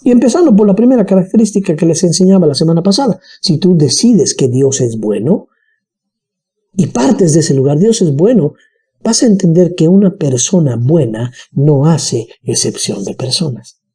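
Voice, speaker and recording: In a Bible study lesson, a teacher with a Bolivian highland (colla) accent speaks at normal speed in a very dark, mellow tone. His delivery is animated, and he checks in with listeners often.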